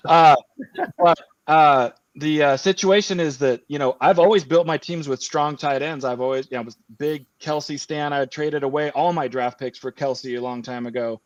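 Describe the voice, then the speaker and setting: A man's voice: a little high, fairly even intonation, normal speed, hardly any pauses, no echo. A man chatting casually as a podcast guest, circling back on his own words with frequent fillers and restarts. His voice comes through dull and lo-fi over a video call. The sound is dry, with no room around it. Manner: rambling with many restarts and fillers. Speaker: guest fantasy football player. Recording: dull lo-fi remote audio.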